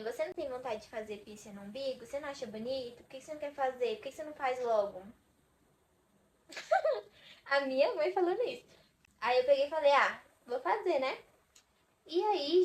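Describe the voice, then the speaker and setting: Young woman from Brazil, vlogger, casual chat to camera, chatty and dramatic, fairly high voice, faint hiss behind. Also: rough recording. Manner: chatty and dramatic, swearing to her viewers.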